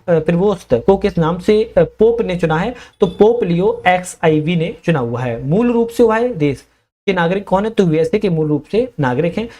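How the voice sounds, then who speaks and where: A man gives a current-affairs quiz lesson for exam students. He reads out each question, then answers it at a steady, unhurried pace. He corrects his own slips as he goes. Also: high-pitched. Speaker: exam-prep teacher.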